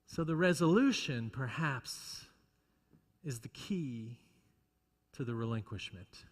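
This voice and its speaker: A man preaching a solemn pulpit sermon in a deliberate manner, with dramatic pauses and repeated phrases. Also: mid-range voice, lively intonation. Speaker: preacher giving a homily. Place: large church interior. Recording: echoey hall with long reverb.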